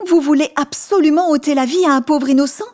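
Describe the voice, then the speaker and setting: A woman's voice: brisk, a little mellow, close to an everyday voice. A woman voicing a terrified male merchant who pleads in a trembling, raised voice in a storybook reading. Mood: pleading. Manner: trembling, pleading, high-pitched.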